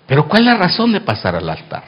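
A man preaching a sermon as pastor in church, swinging from hushed asides to loud exclamations and acting out both sides of the dialogues he tells. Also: on the high side, huge pitch swings, fast talker, lo-fi sound.

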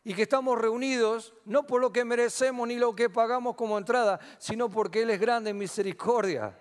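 High-voiced Rioplatense pastor preaching. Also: male voice, a little fast. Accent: Rioplatense Spanish. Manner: asks the congregation questions and answers them. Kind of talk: sermon. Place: church hall. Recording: long hall reverb.

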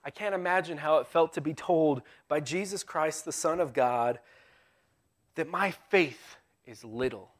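A man preaching a live sermon in a church in a conversational way, with wry asides, swinging between loud emphasis and hushed tones. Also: on the high side, measured pace. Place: church sanctuary.

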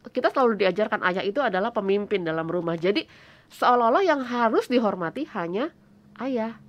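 A woman's voice: mid-range voice, expressive, a little fast. A woman hosting a radio talk show, attentive and conversational, often agreeing with her guest. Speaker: radio host. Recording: muffled radio broadcast sound.

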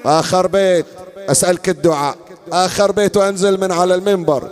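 High-voiced man chanting a mourning lament. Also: fairly even intonation. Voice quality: alternates sung lament with quick spoken asides. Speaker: eulogy reciter at a mourning gathering. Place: mourning hall.

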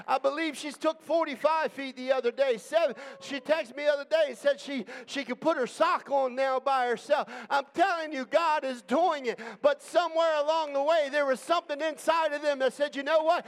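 A man preaching an impassioned church sermon as pastor, emphatic and declamatory, building on repeated phrases. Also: extremely high pitch. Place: church hall during a service. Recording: long reverberant hall sound.

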